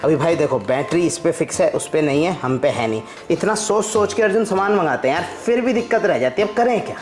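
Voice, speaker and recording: Speaking fast in a slightly high, expressive voice, this vlog host and dad keeps things casual, explaining what he's doing as he tackles a DIY project. Background music comes through clearly.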